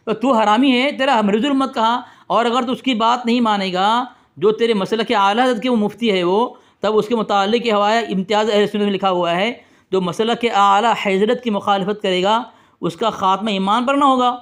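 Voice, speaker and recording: High-voiced combative man debating. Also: a bit bright. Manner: combative, accusing, repeatedly addressing listeners. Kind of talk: heated religious debate.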